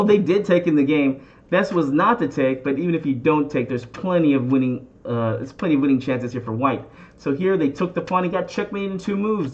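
Guy doing chess lesson commentary, kinda high voice, quizzes viewers, bit muffled audio. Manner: addresses viewers with questions and catchphrases. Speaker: chess instructor and channel host. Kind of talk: instructional game commentary.

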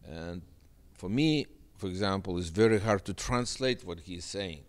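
A boxing manager with a deep voice, Russian being his first language, talks a little slowly during a sit-down interview on a studio sofa set. Using a handheld mic, he is earnest and emphatic and keeps repeating phrases.

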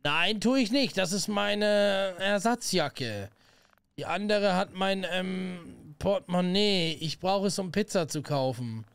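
A man's voice: high-pitched, lively intonation, takes it slowly, fairly bright tone, clear, resonant tone, no echo, voice pushed up, exaggerated voice. A man voicing a young boy in a game who makes hesitant excuses. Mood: pleading. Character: fibbing young boy sneaking in.

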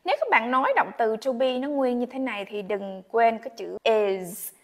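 A woman teaching travel English phrases in Vietnamese, slowing down carefully to model each English phrase. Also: a little high. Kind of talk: Vietnamese-language English lesson.

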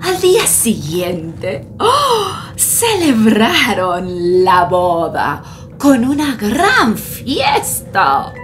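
Very slow, theatrical woman storyteller. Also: medium pitch, huge pitch swings, soft background music. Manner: theatrical, playful, full of exclamations. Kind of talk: reading a picture book aloud.

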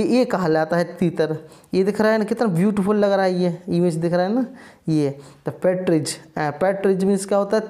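A man's voice: high-pitched, warm tone. A man teaching an online lesson on bird names, repeating himself and asking viewers questions, then answering them himself. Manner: mixes English words into his talk.

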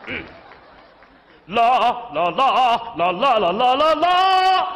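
An actor playing a brash, joking neighbor with a Northeastern Mandarin accent. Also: male voice, extremely high pitch, sing-song, normal speed, pushed and bright, exaggerated voice. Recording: reverberant stage, audience.

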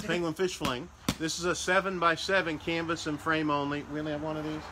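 A man's voice: on the high side, little pitch movement, a little fast, background noise. A man casually walking through a sales showcase of party games, repeating prices and restarting phrases as he goes. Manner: walking around showing products. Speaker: salesman for a game rental company.

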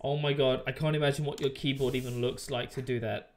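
A man doing live gameplay commentary as a streamer, chatty and excitable, swearing often. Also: mid-range voice, fast talker, soft background music. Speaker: game streamer.

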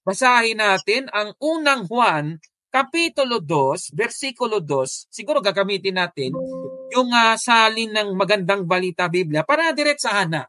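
Bright, dry-voiced woman hosting commentary. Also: medium pitch, normal speed, no echo, faint music behind. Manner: animated, exclaims and asks rhetorical questions. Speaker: host of a religious apologetics stream. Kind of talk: casual live commentary on a video. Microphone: video call.

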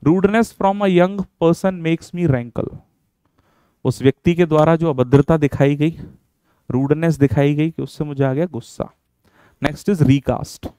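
A man's voice: on the high side, dark tone, clear, resonant tone, no echo. A man with an Indian accent teaching English vocabulary in an online lesson, mixing English into Hindi and asking his students rhetorical questions. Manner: chatty and encouraging, mixes English words into Hindi, asks rhetorical questions.

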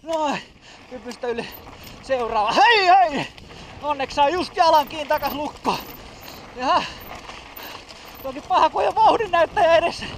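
A man's voice: very high voice, long pauses, rough recording. A man giving a casual running commentary as he rides a mountain bike trail, with breathless exclamations, swearing and self-mocking remarks. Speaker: mountain biker filming his ride. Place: outdoor bike park trail. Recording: outdoor wind noise on camera mic.

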